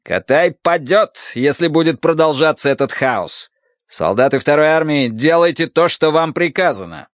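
A proud, contemptuous minister in an audiobook hands down orders in a raised, loud, clipped voice, as a male narrator puts him on. The tone is cold and imperious, recorded dry and close. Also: on the high side, expressive, normal speed, dry recording, voice pushed up, natural voice. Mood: commanding. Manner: haughty, issuing orders. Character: arrogant commanding male first minister.

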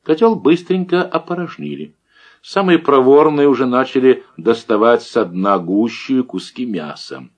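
A man's voice: mid-range voice, moderate pace, highs cut off. A man narrating a literary story expressively and theatrically. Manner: animated, theatrical. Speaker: audiobook narrator.

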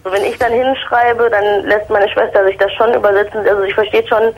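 A young woman in her twenties calls in over a phone line to a radio show. Her mid-pitched voice is earnest and halting, full of small fillers. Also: flat delivery. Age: 20s. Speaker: caller. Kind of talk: phone-in call.

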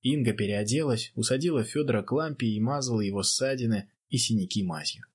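A man calmly narrating a story in an audiobook. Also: mid-range voice, fairly quick, husky.

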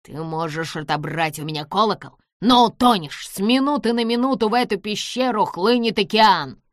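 A woman voicing a spiteful, vengeful little man who gloats and shouts threats. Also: medium pitch, moderate pace, no echo, studio quality, lightly acted. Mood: gloating.

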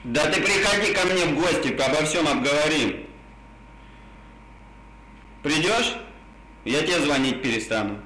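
A man's voice: fairly high pitch, expressive, measured pace, pauses often, sharp tone. A man coaxing insistently in a casual phone chat, repeating himself, his r sounds burred and indistinct. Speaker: prank caller. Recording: echoey phone call, faint noise.

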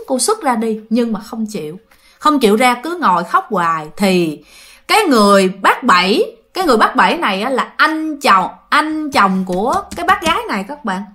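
A woman's voice: on the high side, bright, forceful tone. A woman with a Southern Vietnamese accent telling a ghost story in casual chat, often addressing her listeners and acting out the quoted lines.

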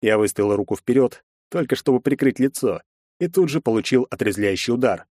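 A man narrating a first-person fantasy audiobook in a measured storytelling manner. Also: mid-range voice, lively intonation, darkish tone, no echo, clean studio sound.

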